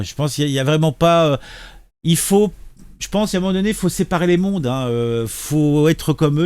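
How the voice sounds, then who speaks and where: A man's voice: mid-range voice, darkish tone, dry recording. A man giving casual reaction commentary, sarcastic and mocking, hesitating with many fillers. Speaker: political commentary youtuber.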